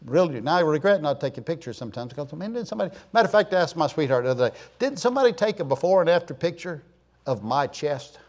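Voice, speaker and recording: Folksy sixty-something preacher with a lightish voice. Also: male voice, on the high side, very animated, quick pace. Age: 60s. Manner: joking storyteller, chatty asides to the congregation. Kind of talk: folksy, rambling sermon talk.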